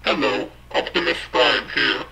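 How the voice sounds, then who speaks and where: A young man using a robot voice changer to play a grand male robot leader, speaking in a slow, gravelly, mock-heroic drawl. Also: mid-range voice, pushed and bright, slight background noise, low-quality recording.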